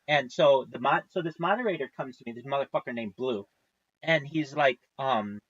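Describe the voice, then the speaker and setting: A man's voice: mid-range voice, moderate pace, a bit bright, breathy edge, highs cut off. A man in his thirties, a livestreamer, tells a long story in a casual, profane, exasperated way. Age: 30s.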